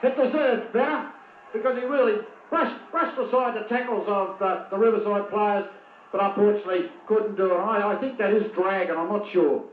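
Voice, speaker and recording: A man's voice: high voice, fairly even intonation, moderate pace, slight background noise. A man giving blunt, partisan commentary on an amateur football match, heckling players by name. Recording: tinny lo-fi old video with echo.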